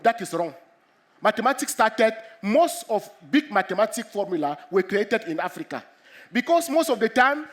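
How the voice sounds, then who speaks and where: A man from Cameroon with a notably high voice lectures students on mathematics while fighting a cold. He speaks earnestly, stumbles through restarts and repeats key phrases to drive points home. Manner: earnest, repetitive, halting with many restarts. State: has a cold. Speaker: mathematics professor giving a talk.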